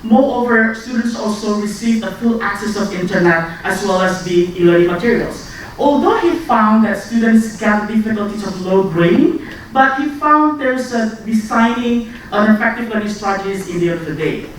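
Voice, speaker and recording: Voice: medium pitch, moderate pace, a little hiss or hum. A graduate student from Indonesia giving a scripted English presentation, reading in a persuasive presenting tone. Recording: echoey hall from far off.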